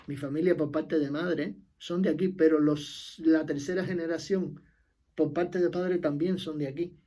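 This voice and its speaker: With a Cuban Spanish accent, a middle-aged man from Cuba delivers a fervent political monologue at normal speed. His voice is a little high, steady, and dark in tone, and he stresses and repeats key phrases while trailing off at the ends of sentences.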